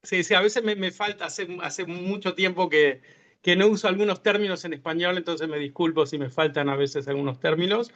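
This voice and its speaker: A man's voice: sits high, fairly even intonation, fairly quick, a bit bright. A man from Uruguay, a tech entrepreneur guest speaking hesitantly with many fillers and restarts in an online interview. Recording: muffled lo-fi video call audio.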